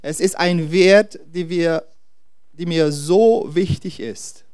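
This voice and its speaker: A pastor with a darkish voice on the high side preaches a sermon, speaking directly to his congregation. He often pauses to search for words and restarts his sentences haltingly. The recording is dry, with clean studio sound.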